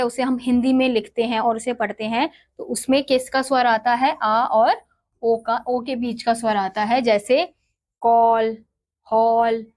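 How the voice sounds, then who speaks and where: A woman's voice: fairly high pitch, darkish tone. A woman teaching a grammar lesson, patiently asking and answering her own questions and spelling out letters one by one.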